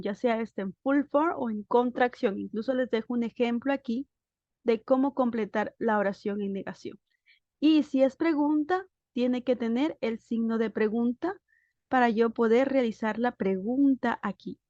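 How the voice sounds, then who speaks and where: A woman's voice: sits high, a little mellow, no room sound. A woman teacher giving a recorded lesson, explaining step by step with patient checking questions. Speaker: English teacher. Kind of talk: recorded grammar lesson over slides. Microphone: voice-over on a screen recording. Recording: dull, dry lo-fi sound.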